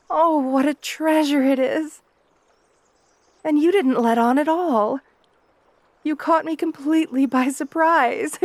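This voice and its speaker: In an ASMR roleplay, a woman voices a shy, gentle young princess bride who is devoted and deferential. She speaks softly and hesitantly in a high register, sounding delighted, with no echo.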